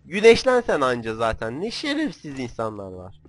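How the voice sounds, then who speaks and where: A young man giving casual, joking commentary while playing a video game, with frequent swearing and sudden excited outbursts. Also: mid-range voice, normal speed. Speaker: gamer.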